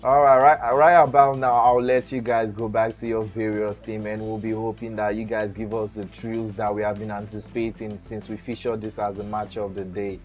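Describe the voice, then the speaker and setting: A man hosting a live esports stream from Nigeria, interviewing team managers in an energetic way and often repeating words. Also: on the low side, normal speed, hardly any pauses, faint music behind. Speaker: host.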